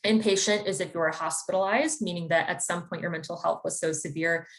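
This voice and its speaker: A woman's voice: on the low side, steady tone, fairly quick. Woman therapist explaining in conversational tones. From Chicago area, United States. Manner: conversational and explanatory, with occasional fillers. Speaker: therapist presenting a wellness webinar. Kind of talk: informative webinar presentation.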